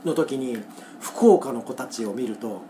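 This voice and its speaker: A woman from Kagoshima hosts a casual podcast, her pitch moving a lot as she explains dialect words and laughs often. The room gives her voice a roomy echo. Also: animated, measured pace, mellow, a little hiss or hum. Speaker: podcast host. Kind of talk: casual podcast chat reading listener poems.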